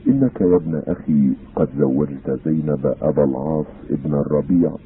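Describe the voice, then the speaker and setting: A man voicing a dignified elderly male clan elder in an audiobook, speaking in a formal, measured way. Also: very deep voice. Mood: earnest. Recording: tinny phone-like sound, faint hiss.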